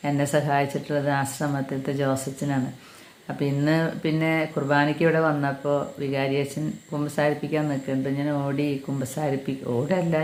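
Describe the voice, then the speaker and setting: Middle-aged woman, earnest religious testimony, deep voice, faint background hum. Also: darkish tone. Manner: earnest, calls listeners dear brothers and sisters. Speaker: catechism teacher sharing a testimony. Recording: echoey room.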